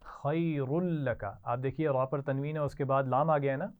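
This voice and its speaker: A woman's voice: very deep voice, little pitch movement, smooth. A woman as a patient recitation teacher, phone-like sound. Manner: patient, stretches each word slowly when modelling it. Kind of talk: slow call-and-response recitation lesson. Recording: tinny lo-fi online class audio.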